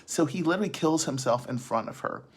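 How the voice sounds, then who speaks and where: A man's voice: fairly high pitch, animated, fast talker, husky. A man casually recapping a film's plot for his vlog audience, rambling, often restarting sentences and adding asides. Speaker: vlogger recapping a film.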